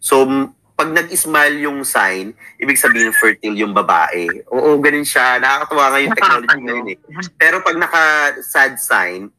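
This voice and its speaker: A man's voice: mid-range voice, lively intonation, normal speed, sharp tone, slight background noise, low-quality recording. A man in his thirties with a Filipino accent, telling his life story in a casual chat. He sounds sleepy and keeps quoting what he and others said. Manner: storytelling, mixes Tagalog and English, quotes himself often. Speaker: interview guest.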